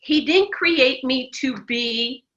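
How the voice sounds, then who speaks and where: Muffled, lo-fi sound carries the slow, high, fairly bright voice of a middle-aged ministry director from the United States. As a guest in a casual interview she speaks emphatically and keeps restarting her sentences.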